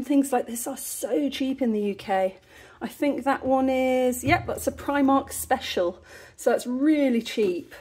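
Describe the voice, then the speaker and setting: A chatty woman from the UK walks through her haul at home, her voice sitting a little high. She talks casually and chuckles often. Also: a little mellow, breathy edge. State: slightly out of breath. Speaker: vlogger. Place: home in Rwanda.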